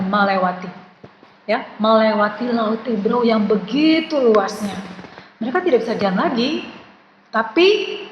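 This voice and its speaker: A woman tells children a Bible story with lively, animated energy. Her voice sits a little high. The sound bounces around a large, echoey hall with a faint hum of room noise behind it. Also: dull audio. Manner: lively storytelling to children, calls herself big sister. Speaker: Sunday school teacher. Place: church hall.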